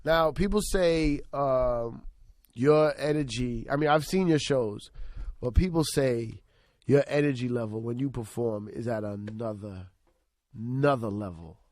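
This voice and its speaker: A man's voice: medium pitch, unhurried, darkish tone, dry recording. A man hosting the show, introducing his guest with hyped, jokey energy. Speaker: show host.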